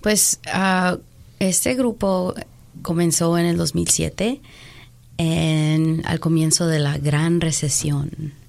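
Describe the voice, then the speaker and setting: Slow, gravelly low-voiced woman. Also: steady tone, darkish tone. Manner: hesitant, many fillers, slips into English words. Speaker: teacher and group leader. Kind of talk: casual interview talk. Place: Chicago.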